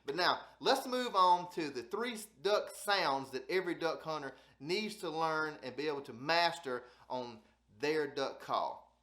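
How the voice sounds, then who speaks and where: A man with a Southern accent from Alabama talks in a slightly high-pitched voice. He teaches like a down-home channel host, casual and folksy, often doubling words for emphasis. The recording is noticeably echoey. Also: animated, unhurried, fairly bright tone. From South Alabama, United States. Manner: folksy, repeats phrases for emphasis. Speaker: host of a duck hunting channel. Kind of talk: casual instructional talk.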